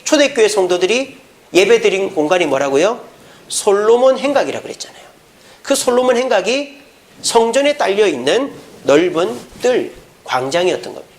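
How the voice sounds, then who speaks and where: A middle-aged man and senior pastor preaching a sermon, animated and putting rhetorical questions to his congregation. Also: high-pitched, creaky.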